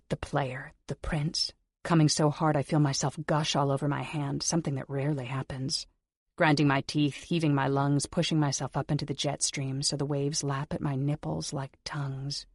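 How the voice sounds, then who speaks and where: A woman reading a first-person audiobook in an intimate manner, sometimes dropping into soft whispers. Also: low voice, no room sound, studio quality. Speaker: audiobook narrator. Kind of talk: scripted first-person narration.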